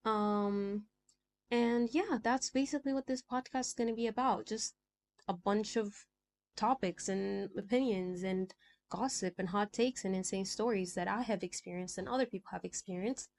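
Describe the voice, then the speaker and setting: A young Sudanese woman, native in Arabic with a blend of American and British accents, hosts a casual solo podcast and drifts chattily from thought to thought. Her mid-range voice is a little mellow and moves at normal speed, picked up by a small desk mic with slight background noise.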